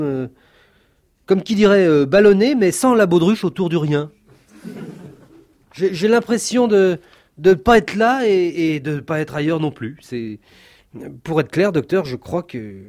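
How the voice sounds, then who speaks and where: A man voicing a weary, laconic God in a comic radio sketch, talking flat and hesitant. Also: fairly high pitch, voice pushed up. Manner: flat, dry, hesitant, softly spoken. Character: weary, deadpan God, adult male, laconic.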